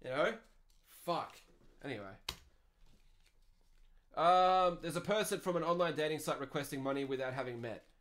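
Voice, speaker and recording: A man's voice: a little high, normal speed, long pauses, a little hiss or hum. Profane ranting Australian man. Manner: crude, profane, swings between loud outbursts and muttered asides. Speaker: podcast host. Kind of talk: solo ranting podcast.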